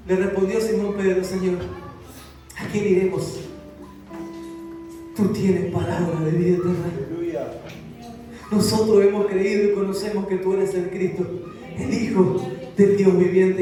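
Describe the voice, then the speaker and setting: A man's voice: sits high, dark tone. A man preaching a sermon as pastor, reading scripture aloud and acting out its quotes with fervor. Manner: fervent preaching, voicing scripture quotes dramatically. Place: church hall. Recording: echoey hall, voice from a distance, music behind. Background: music.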